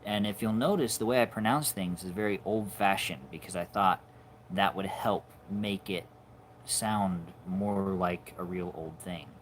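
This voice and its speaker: Man in his forties, deep low voice, casual livestream host, halting and musing, faint hum behind. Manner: halting, musing, trails off softly. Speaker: animator hosting a livestream.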